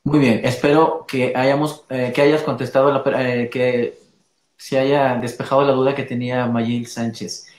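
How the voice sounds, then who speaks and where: A man hosts the session, reading listener questions aloud in a relaxed, unhurried way. His voice sits at a middling pitch. It is recorded in a roomy space with a clear echo around it. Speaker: host. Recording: roomy echoey room sound.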